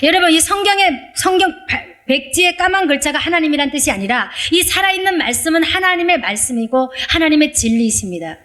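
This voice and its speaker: A woman's voice: sits high, expressive, fairly quick, few pauses, a bit bright. A woman pastor preaching a testimony sermon in an earnest, emotional storytelling way.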